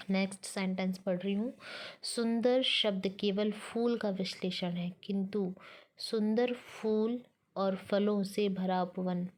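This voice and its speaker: A woman teacher with a Hindi accent dictates grammar examples at a very unhurried pace, pausing over each word. Her voice sits at an ordinary middle pitch, and she explains each sentence in a careful, step-by-step way. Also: darkish tone. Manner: slow, careful dictation of each sentence, mixing in English words. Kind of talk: reading out and explaining a grammar lesson.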